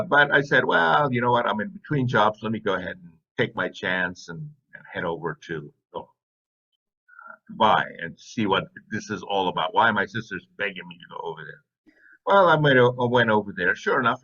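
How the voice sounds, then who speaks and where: A man in his fifties, raised in Saudi Arabia, telling his life story as an interview guest in a relaxed, chatty way. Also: fairly low pitch, dull audio. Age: 50s. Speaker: podcast guest. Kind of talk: casual interview chat.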